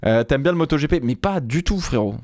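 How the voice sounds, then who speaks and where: A man's voice: mid-range voice, animated, fairly quick, a little mellow, no echo. Rambling male streamer, dry mic. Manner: rambling, hesitant, many fillers and restarts. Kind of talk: casual live-stream chat.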